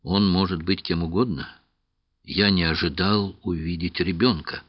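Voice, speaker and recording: A man voicing a puzzled, earnest young man who speaks haltingly in an audiobook. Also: sits low, husky, no room sound, highs cut off.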